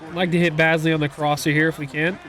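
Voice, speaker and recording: A young man giving casual, excitable commentary while playing a football video game, rambling and reacting loudly to big plays. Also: fairly high pitch, fast. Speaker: gaming YouTuber.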